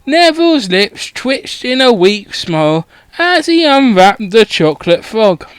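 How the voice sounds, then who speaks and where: A man's voice: high-pitched, very animated, measured pace, clean tone, dry recording. A man reading a parody audiobook, swearing and wandering into rambling asides. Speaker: comedic audiobook reader. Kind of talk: irreverent parody narration.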